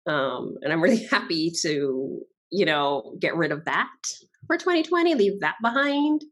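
A woman's voice: fairly low pitch, big pitch swings, unhurried, fairly bright tone. A woman from Barbados, a guest chatting casually in an interview and laughing often.

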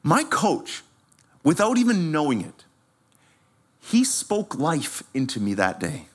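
A man, a pastor giving a sermon with personal stories in a conversational, animated way. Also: a little high, slow pace, breathy edge. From Canada. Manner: animated, conversational, laughs while telling stories.

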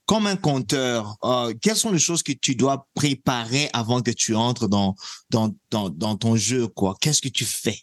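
A male co-host puts plain, direct questions to the guest. His voice sits at an average pitch. The recording is dry and close. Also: a little slow, no room sound. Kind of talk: interview.

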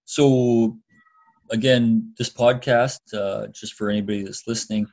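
Male, middle-aged, fairly low voice, casual podcast co-host, hesitant, thinking aloud. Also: steady tone, unhurried, darkish tone. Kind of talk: casual chat.

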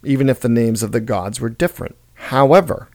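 A man's voice: medium pitch, lively intonation, fairly quick, gravelly, darkish tone, no echo, studio quality. A man explaining a classic novel in an earnest, explanatory way and reading passages from it dramatically. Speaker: literature lecturer. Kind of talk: book commentary with dramatic readings.

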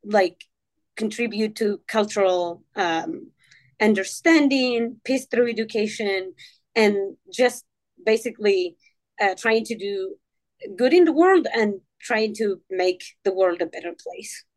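Moroccan-born woman guest, Tamazight first language, halting with lots of ums. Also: mid-range voice, expressive. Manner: hesitant, many fillers and restarts. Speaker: podcast guest. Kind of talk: casual interview talk.

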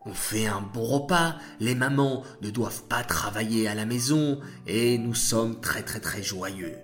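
A man telling a bedtime story to children, speaking slowly and addressing them directly. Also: on the low side, fairly bright tone, soft background music.

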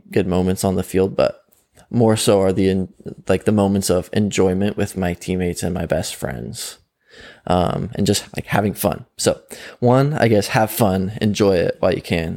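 A man's voice: deep voice, steady tone, moderate pace, creaky, darkish tone. A young man, a mental performance coach, talking easily in an interview, laughing often and filling with likes and ums. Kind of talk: conversational interview.

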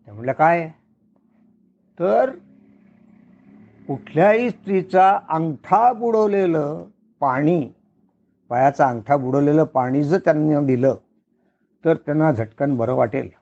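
A male storyteller with a high, gravelly voice narrates a folk tale, animated and repeating phrases for effect. The recording sounds dull and lo-fi. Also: a little slow, long pauses.

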